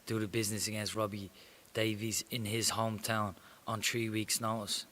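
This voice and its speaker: Pitched on the low side, this young Irish man delivers his words flatly at an ordinary speed, his tone pushed and bright. He's a professional boxer in an interview, sounding cocky, sure of himself, and blunt, with slight hiss on the audio.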